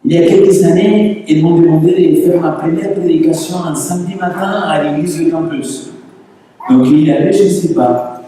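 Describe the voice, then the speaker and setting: A man's voice: on the high side, normal speed, mellow. A male pastor with a Spanish accent preaching a conversational sermon with lots of rhetorical questions, recorded in a church hall. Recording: echoey church hall, distant mic.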